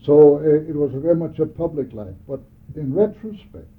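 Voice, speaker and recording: A man's voice: a little high, lively intonation. Old guy telling childhood memories, lots of uhs, thin phone-like tape sound. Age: older. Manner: halting, frequent hesitations and restarts. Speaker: oral history interviewee. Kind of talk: reminiscing conversation.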